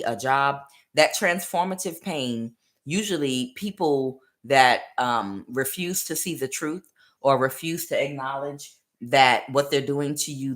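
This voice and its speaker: Tarot reader, woman, extremely low pitch, meandering delivery with many fillers. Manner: rambling, many "uh" fillers, acts out quoted voices. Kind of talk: spiritual tarot reading monologue.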